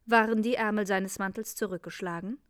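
A woman voicing a calm, dismissive old king who is secretly a magician, in a read-aloud fairy tale. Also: mid-range voice, brisk, no echo, studio quality, lightly acted. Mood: unmoved.

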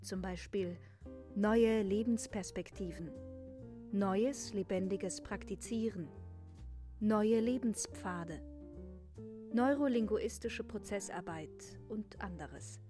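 Female narrator, measured scripted reading, mid-range voice. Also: medium pitch, over music.

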